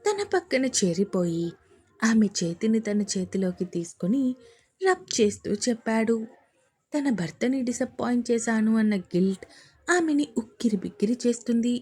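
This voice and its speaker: A woman giving calm scripted narration of a romance story. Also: a little high, moderate pace, breathy edge.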